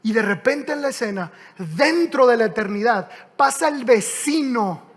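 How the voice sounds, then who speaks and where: A man from Mexico, a pastor preaching a sermon in a lively storytelling way with frequent restarts. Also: extremely high pitch, normal speed.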